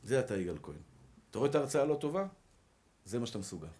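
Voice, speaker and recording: A deep, sneering male tempter's voice, as a rabbi puts it on in his sermon. It jeers from a distance and talks down to the man it taunts. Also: very animated, mellow, a little hiss or hum, close to an everyday voice. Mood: taunting. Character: taunting evil inclination, male inner voice.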